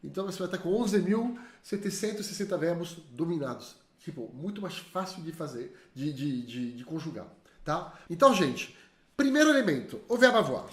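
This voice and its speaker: A man teaching online, lively and drilling learners to repeat slowly after him. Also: fairly high pitch. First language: French. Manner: spells out sounds slowly and carefully. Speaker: French teacher. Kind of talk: online language lesson. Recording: echoey room.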